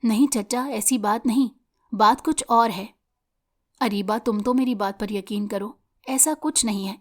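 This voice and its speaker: A woman's voice: fairly high pitch, natural voice. A woman voicing an arrogant, teasing young man in a story reading. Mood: pleading. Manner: mocking, then pleading.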